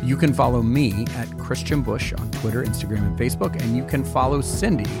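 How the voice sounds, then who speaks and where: Male podcast host, scripted outro read, even mid pitch, over a loud guitar music bed. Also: fairly quick, gravelly.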